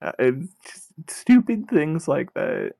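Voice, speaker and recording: A man's voice: a little high, huge pitch swings, slow, vocal fry, warm tone, no room sound, low-quality recording. Offhand young man, dry close sound. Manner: offhand, dismissive, wry. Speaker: podcast co-host. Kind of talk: casual chat.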